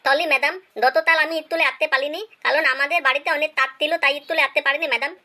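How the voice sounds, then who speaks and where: For an animated comedy skit, a performer uses a high, rapid-fire voice as a cheeky pupil who defers and pleads while making excuses.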